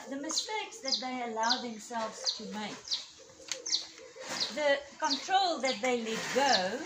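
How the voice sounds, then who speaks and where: A middle-aged woman with a Namibian Afrikaans accent, a native Afrikaans speaker, gives an informal welcome speech as an art teacher, projecting to people outdoors with emphatic pauses. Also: fairly high pitch. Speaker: art teacher and event host. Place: outdoors on a porch before a garden audience. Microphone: camera a few metres away. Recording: noisy outdoor phone video with birdsong.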